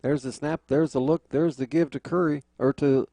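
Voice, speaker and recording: Gravelly American football play-by-play man. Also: on the high side, fairly even intonation, moderate pace, warm tone. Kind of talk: live play-by-play sports commentary.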